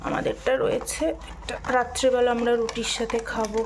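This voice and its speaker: Chatty high-voiced woman vlogging. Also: little pitch movement, fairly quick, background noise. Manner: chatty, talks straight to viewers. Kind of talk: casual everyday vlog narration.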